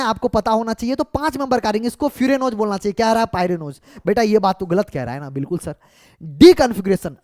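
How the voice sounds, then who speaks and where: A man's voice: extremely high pitch, darkish tone, no echo, studio quality. A man tutoring students through exam paper solutions, mixing English terms into his explanation, scolding and coaxing them and often checking whether they have understood.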